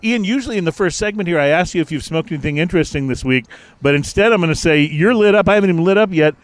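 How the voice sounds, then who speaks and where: A man's voice: fairly high pitch, lively intonation, very fast, dry recording. An American man hosting an unscripted talk show in a chatty, upbeat way. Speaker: podcast host. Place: outdoor restaurant terrace.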